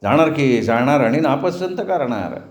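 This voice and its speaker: A man voicing a young village man talking calmly with his sweetheart, for an audiobook with roomy echo. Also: medium pitch, a little slow.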